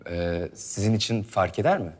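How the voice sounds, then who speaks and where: An actor playing a formal corporate trainer who answers questions in a dry, businesslike manner. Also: male voice, sits low, animated, moderate pace. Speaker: seminar trainer. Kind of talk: film dialogue.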